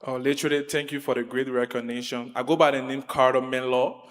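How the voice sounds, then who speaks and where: A man's voice: mid-range voice, little pitch movement, fast. A young man, a student, giving a grand declamatory speech from the floor. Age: young adult. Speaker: student speaking from the audience. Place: large conference hall. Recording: echoing hall, faint music.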